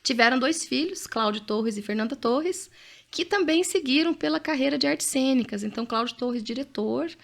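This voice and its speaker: A middle-aged podcast host with a Brazilian Portuguese accent talks in a high-pitched, gravelly voice with lively intonation at normal speed. Casual and chatty, she reads out facts with asides and often throws in "né?".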